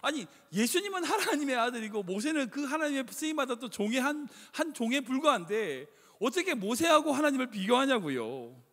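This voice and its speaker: Male pastor, very high and animated delivery, emphatic sermon, echoey sanctuary. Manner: emphatic, conversational preaching with rhetorical questions. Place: church sanctuary. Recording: echoey hall reverb.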